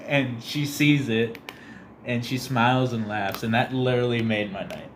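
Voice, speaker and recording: A young man co-hosting a casual podcast, telling stories animatedly and acting out quotes in a squeaky high voice. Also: a little slow, slight background noise. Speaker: podcast co-host. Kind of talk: casual chat.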